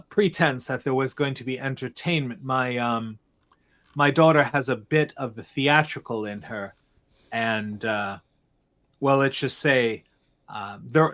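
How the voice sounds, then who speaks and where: A man voicing a large, gruff but fawning innkeeper in a tabletop game, speaking in a hearty, apologetic way with hesitations. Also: mid-range voice, fairly bright tone, close to an everyday voice.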